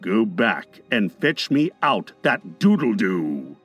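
A man's voice: on the high side, sing-song, takes it slowly, fairly bright tone, breathy edge, faint music behind, exaggerated voice. A man voicing a cruel, mock-courteous pirate captain for a storybook, with a silky, steely, purring menace. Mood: angry. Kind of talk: dramatised storybook reading.

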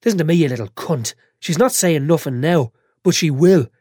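A man's voice: fairly high pitch, lively intonation, moderate pace, darkish tone, breathy edge, no echo, clean studio sound. A man voicing a hard, threatening middle-aged uncle, speaking crudely. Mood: menacing.

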